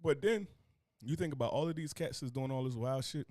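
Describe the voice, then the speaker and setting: On a dry, studio-quality recording, a Newark, New Jersey podcast co-host chats casually, rambling loosely with profanity and laughter. His medium-pitched voice is brisk and dark in tone.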